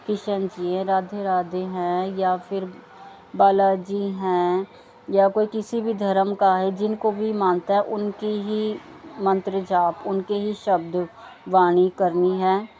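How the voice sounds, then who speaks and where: A woman's voice: medium pitch, mellow, lo-fi sound, slight background noise. A woman with children giving an earnest devotional talk to listeners, repeating words of thanks and chanting mantras. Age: adult with children.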